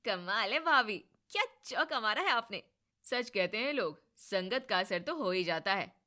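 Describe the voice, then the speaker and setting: A woman voicing a cheeky, protective young sister-in-law who talks loudly and playfully. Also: mid-range voice, lively intonation, measured pace. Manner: loud, playful and bossy.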